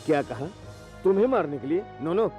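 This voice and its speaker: A man's voice: a little high, lively intonation, a little fast, mellow, faint music behind, lightly acted. A middle-aged man dubbing a flustered father who defends himself. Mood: defensive. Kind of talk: Hindi film dubbing. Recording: dull film soundtrack.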